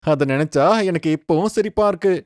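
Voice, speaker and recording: A woman voicing a kind, protective young man in a cartoon story, with a lowered, earnest voice. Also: a little fast, a little mellow, dry recording, studio quality, close to an everyday voice. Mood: caring.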